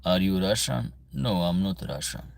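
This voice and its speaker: A man with an Albanian accent and a very low, deep voice hosts a casual livestream. He reads his viewers' comments aloud and answers each one in turn in an easy, conversational way. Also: normal speed, creaky. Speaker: livestream host, veterinarian.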